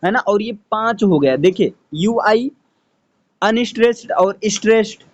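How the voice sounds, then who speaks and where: Male tutor, high voice, methodical explainer who keeps checking understanding; muffled lo-fi recording. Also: lively intonation, a little slow. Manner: explains step by step, checks in with the listener after each point. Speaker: teacher. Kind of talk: online lecture. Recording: slightly dull lo-fi audio.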